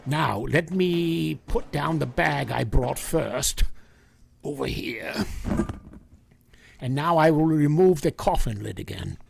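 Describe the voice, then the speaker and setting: A man playing a grave, commanding older professor and vampire hunter in old-time radio drama style, deliberate and insistent. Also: fairly high pitch, animated, vocal fry, background noise, heavily acted. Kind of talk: 1940s radio acting.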